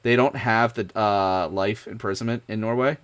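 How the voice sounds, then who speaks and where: A young man streaming, chatting casually in an excitable, rambling way. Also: fairly low pitch, normal speed, clean tone. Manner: rambling, excitable, many fillers and restarts. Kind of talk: casual chat.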